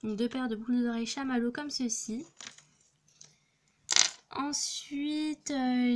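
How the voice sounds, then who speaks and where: A woman's voice: a little high, darkish tone, slight background noise. A young teenage girl casually presenting her clay crafts, hesitant with many fillers and restarts, recorded on a phone. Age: young teen. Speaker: craft vlogger. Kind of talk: casual show-and-tell narration.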